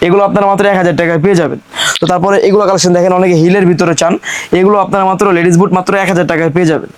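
A Bangladeshi man working as a shop seller, giving a hard-sell pitch in insistent, repetitive patter. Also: fairly even intonation, racing, no echo. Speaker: shop seller presenting products.

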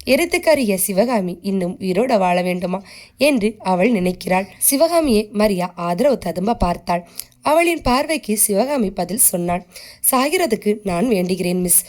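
A woman reading a short story aloud as a steady, scripted narration, keeping the characters close to her own voice. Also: mid-range voice, normal speed.

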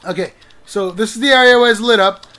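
A woman's voice: a little high, fast, fairly bright tone. A woman hosting a let's play, narrating her own moves with panicky yelps when chased. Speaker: gaming channel host.

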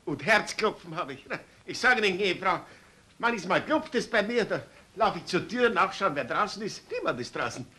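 A man's voice: high-pitched, sing-song, normal speed, bright, forceful tone, slightly rough, full character voice. An actor playing a timid, bashful man who stammers and cracks shy jokes in a 1950s comedy sketch. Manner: hesitant, stammering, self-mocking jokes. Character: timid bashful middle-aged man, joking shyly. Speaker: shy guest of a widow.

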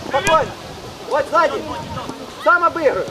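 A man's voice: very high-pitched, lively intonation, moderate pace, far from the mic. A man coaching youth football from the touchline, calling out urgent, clipped, repetitive instructions and players' names. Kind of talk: shouted touchline instructions during a match. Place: outdoors at a football pitch touchline. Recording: windy outdoor noise, loud and rough.

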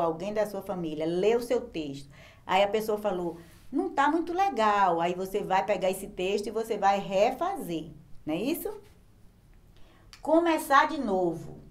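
A woman teacher with a Brazilian Portuguese accent gives a remote lesson to young children. She explains patiently and sounds out words syllable by syllable. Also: mid-range voice. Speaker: primary school teacher.

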